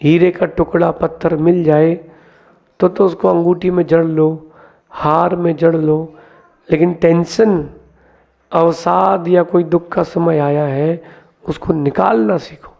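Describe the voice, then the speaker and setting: A man, a monk, giving a sermon, telling parables in a lively teaching way and mixing in English words. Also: a little high, takes it slowly, gravelly. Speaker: Jain monk giving a discourse. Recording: dull lo-fi sound.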